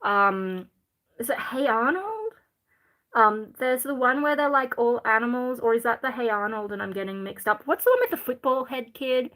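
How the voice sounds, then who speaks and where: This is an Australian woman with a fairly high voice, talking casually to a live chat. She reads questions aloud and answers them bluntly, with irreverent, sweary frankness. Her talk rambles from one thought to another. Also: animated, moderate pace, fairly bright tone, low-quality recording. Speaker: live streamer. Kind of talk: casual livestream chat, reading out viewer questions.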